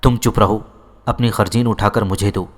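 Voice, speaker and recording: A man with a low voice reading the lines of an elderly mother who is commanding yet loving, in a firm, motherly way. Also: fairly even intonation, natural voice.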